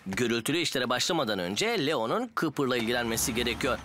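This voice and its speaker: A man's voice: mid-range voice, animated, fast talker, noisy background, lightly acted. A man playing a kind, practical builder in charge in a children's cartoon, upbeat and reassuring. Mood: brisk. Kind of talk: animated children's cartoon dubbing. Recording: loud music behind.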